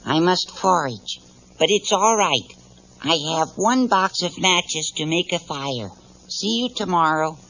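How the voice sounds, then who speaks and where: A man's voice: on the high side, expressive, a little slow, sharp tone, exaggerated voice. A man voicing an earnest little boy frog in a children's read-along story. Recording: dull, noisy cassette tape.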